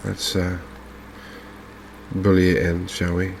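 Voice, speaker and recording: Murmuring softly to himself, a man with a gravelly, low voice streams a game with ASMR-style commentary. His pace is slow and very steady, like he's thinking out loud, and there's faint background noise.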